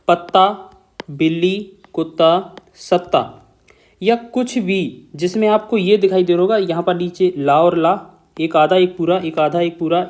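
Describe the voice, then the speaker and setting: A man's voice: high-pitched, a little mellow. Guy teaching hindi grammar for exam prep, explains step by step, keeps checking in and repeating stuff. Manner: explanatory, often checks in with the listener and repeats points. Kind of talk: classroom-style lesson explaining Hindi grammar.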